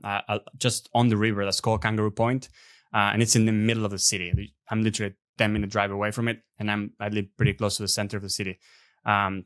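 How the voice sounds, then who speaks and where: Low-voiced and relaxed, a man from Argentina chats over a remote call as a podcast guest. The app developer spins stories in a casual interview, leaning on fillers often.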